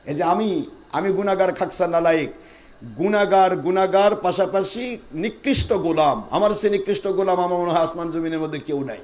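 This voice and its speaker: A high-pitched man delivers a fiery sermon at a religious gathering. He fires rhetorical questions, scolds, and draws answers from the crowd. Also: brisk, a little mellow. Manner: call-and-response with audience, scolding and rhetorical questions. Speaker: preacher. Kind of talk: Bengali waz sermon.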